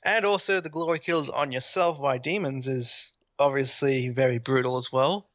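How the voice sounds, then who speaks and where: Bright-voiced man. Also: medium pitch, fairly even intonation, moderate pace, dry recording. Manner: enthusiastic, rambling. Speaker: podcast host. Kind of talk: casual gaming podcast chat.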